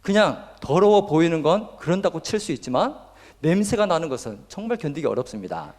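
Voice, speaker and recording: A man's voice: on the high side, big pitch swings, brisk, a little mellow. A male pastor preaching a sermon, retelling a story earnestly and with emphasis. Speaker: guest pastor. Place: church sanctuary. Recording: long reverb of a church hall.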